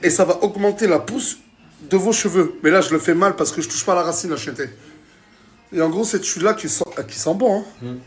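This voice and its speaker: A man, chatting excitedly and familiarly in street slang as he films a casual vlog and pitches products. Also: brisk. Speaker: vlogger and product promoter.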